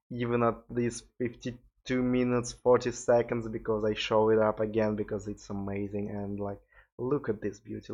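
A man's voice: fairly low pitch, a little mellow. A tired man with a Russian accent, hosting a solo podcast in a rambling, informal way with some swearing. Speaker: podcast host. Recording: dull lo-fi recording.

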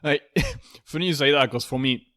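A man's voice: mid-range voice, moderate pace, sharp tone. Laid-back man from France chatting. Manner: laid-back, swears when acting out his shock. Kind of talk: casual chat.

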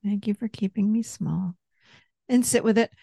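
Mellow-voiced lady therapist talking someone through it gently, patient, dry sound. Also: mid-range voice, normal speed, vocal fry, no echo. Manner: gentle, patient, coaching prompts. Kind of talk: guided parts-work session.

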